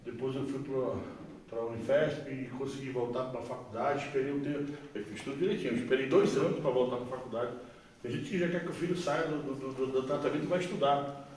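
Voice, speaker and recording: A Brazilian psychologist giving an informal recovery testimony talk, colloquial and animated, acting out dialogue. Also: male voice, medium pitch, a little fast, a little hiss or hum. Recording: echoey room, far from mic.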